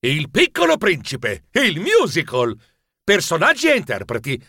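A high, flustered mouse narrator. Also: male voice, unhurried, dry recording, clean studio sound, heavily acted. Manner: expressive, easily flustered. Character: anxious fussy male mouse narrator. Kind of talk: audiobook narration.

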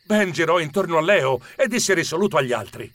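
A man narrating a children's story with expressive storytelling. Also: on the high side, brisk, no echo.

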